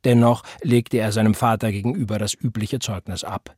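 A man giving measured, solemn audiobook narration into a close mic. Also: on the low side, steady tone, a little mellow, breathy edge, no echo.

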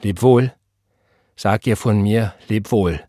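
A man's voice: fairly low pitch, slow, warm tone, no echo, clean studio sound. A man voicing a defiant young woman. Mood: cold farewell. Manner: firm, cold. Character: young woman, defiant daughter leaving home.

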